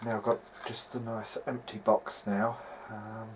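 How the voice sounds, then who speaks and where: A hobbyist radio restorer presents informal workbench commentary in a lowish voice at a measured pace. He thinks aloud hesitantly, and clear, steady background noise runs through the recording.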